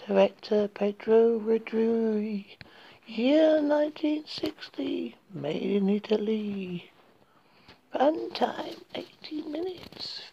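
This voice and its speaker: A woman's voice: a little high, vocal fry, dark tone, husky, lo-fi sound, full character voice. A woman playing a creepy, theatrical horror host who introduces old scary films in a spooky, menacing, whispery manner. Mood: gleefully spooky.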